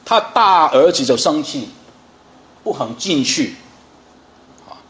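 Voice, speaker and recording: A man's voice: fairly high pitch, expressive, slow, a bit bright, reverberant. A man preaching a sermon in a conversational way, with fillers and frequent rhetorical questions. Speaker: pastor.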